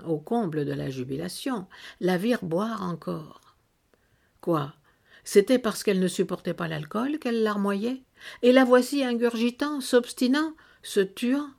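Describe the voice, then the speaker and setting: A woman reading a literary novel aloud in an expressive storytelling manner, with sharp rises on key words. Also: fairly low pitch, gravelly. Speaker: narrator.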